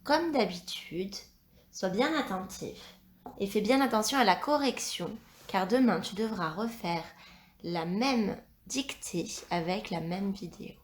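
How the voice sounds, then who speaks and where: A woman teacher reading a dictation for young pupils, pronouncing each syllable and word slowly and carefully. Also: mid-range voice. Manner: slow, carefully articulated dictation. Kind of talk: classroom dictation lesson. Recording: echoey room.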